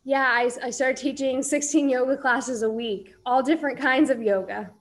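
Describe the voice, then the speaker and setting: A woman in her thirties from Iowa, a yoga teacher, tells her story as a podcast guest. She talks in a calm, measured, steady way, her voice a bit higher than most women's. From Iowa, United States. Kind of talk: casual interview answers.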